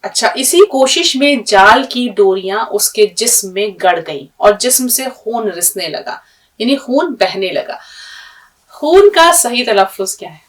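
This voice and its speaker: A woman's voice: a little high, expressive, unhurried, distant mic. A woman teacher giving a patient script and pronunciation lesson, spelling out letters one by one and telling a fable to a student. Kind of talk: language lesson with a story.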